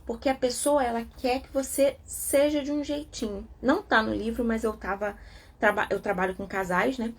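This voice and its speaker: A Brazilian woman with a Brazilian Portuguese accent hosts a casual live talk about a self-help book on codependency. Her voice is on the high side at a moderate pace. She's animated, posing rhetorical questions to herself and acting out the voices of others.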